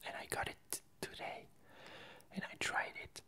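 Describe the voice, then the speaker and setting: An ASMR creator rambles casually about games and films in a soft, breathy, unvoiced whisper, halting and unhurried while hunting for words.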